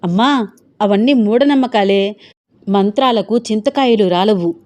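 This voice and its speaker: A woman's voice: on the high side, normal speed, a little mellow, lightly acted. A woman voicing an earnest, stubborn young man in love who argues with his family in a storybook reading. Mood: upset arguing.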